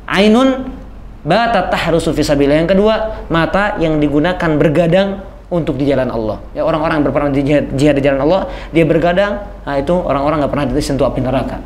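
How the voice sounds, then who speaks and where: Lively higher-voiced male preacher. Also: fast, reverberant, a little hiss or hum. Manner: addresses the men as "Pak", asks them questions, quotes Arabic and translates it; lively, swings between raised emphatic lines and low quiet ones. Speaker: Islamic preacher. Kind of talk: sermon. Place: mosque.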